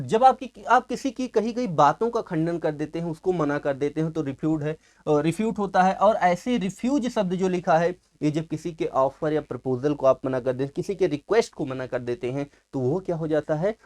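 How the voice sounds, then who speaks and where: A man's voice: high voice, a little mellow. A man teaching English vocabulary in an exam-prep lecture, asking questions and answering them himself and stretching out key words for emphasis.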